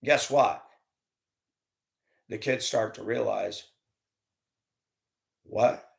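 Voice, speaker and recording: Ex bus driver guy, kinda high gravelly voice, just venting real earnest. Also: measured pace, a bit bright. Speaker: former school bus driver. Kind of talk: candid personal storytelling.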